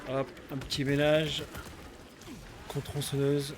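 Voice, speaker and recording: A man's voice: a little high, monotone, slow, background noise. A man giving casual, slangy gameplay commentary in an informal manner. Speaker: gamer commenting on own play.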